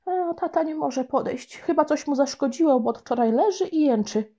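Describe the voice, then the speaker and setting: A woman's voice: sits high, normal speed, pitched above the performer's own voice. A woman voicing a mischievous young boy who tells exaggerated fibs, in a storybook reading. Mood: fibbing, playful. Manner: lively, exaggerated fibbing. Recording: dull lo-fi recording.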